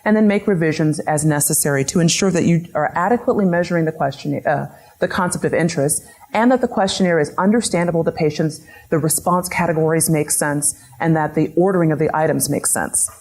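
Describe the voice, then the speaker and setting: Speaking briskly in a low, somewhat mellow voice, a woman delivers an academic lecture on patient-reported outcomes. She works through a string of questions for the audience in a methodical way, recorded in a lecture room.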